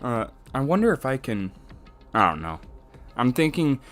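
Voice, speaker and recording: A man's voice: mid-range voice, big pitch swings, moderate pace, fairly bright tone, soft background music. A man getting over a sickness, rambling casually through game commentary and laughing often, close to a desk mic. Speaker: let's play streamer.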